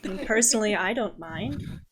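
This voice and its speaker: A woman voicing a suave, teasing noble man who speaks in a dry, arch and flirtatious way, a little lower and quieter than her own voice. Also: animated, moderate pace, noisy background, close to an everyday voice.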